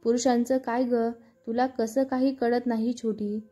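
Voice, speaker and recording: A woman's voice: fairly high pitch, flat delivery, measured pace, mellow. A woman voicing a stern, protective elder sister who scolds and lectures her younger sister. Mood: angry.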